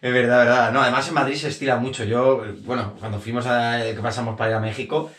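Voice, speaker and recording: Man, 30s, from Spain, interview host, rapid chatty talk, echoey small room, camera mic at a distance. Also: medium pitch. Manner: chatty, animated, gesturing with hands, many fillers and restarts. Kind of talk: casual sit-down interview. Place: small bedroom sitting on a sofa. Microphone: camera on a tripod a few feet away.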